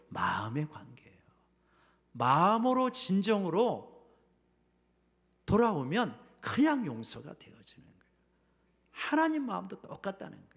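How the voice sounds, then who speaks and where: A middle-aged senior pastor preaches a sermon in a church sanctuary, his voice pitched high. He acts out the voices he quotes and drops to a whisper at key lines.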